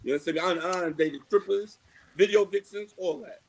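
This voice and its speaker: A man's voice: high-pitched, fairly quick, a little hiss or hum, low-quality recording. A man on a podcast in casual chat, boasting with a laugh and talking in slang. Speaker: podcast co-host.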